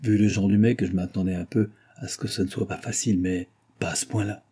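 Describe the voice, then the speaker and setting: A man's voice: fairly even intonation, fairly quick, mellow, breathy edge. A man reading an audiobook voices a distraught young woman who owns a bar, tearful and pleading. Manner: tearful, pleading, rising pitch.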